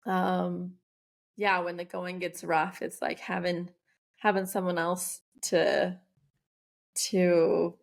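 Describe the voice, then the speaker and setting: A woman with a low, gravelly voice co-hosts a podcast in casual chat. She muses as she goes, circling back with fillers and restarts. Her delivery stays loose and unhurried. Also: little pitch movement. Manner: reflective, rambling with many fillers and restarts. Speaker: podcast co-host.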